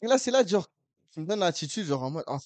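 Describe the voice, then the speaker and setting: A man tells stories on a casual podcast with a friend, animated and full of English slang. His voice sits somewhat high. The sound is close and dry. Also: quick pace, no echo. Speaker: podcast co-host. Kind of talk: casual chat between friends.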